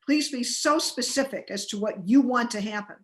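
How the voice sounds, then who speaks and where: A woman interviewer putting questions in a live panel interview, halting and often restarting mid-sentence. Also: a little high. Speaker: interviewer, journalist.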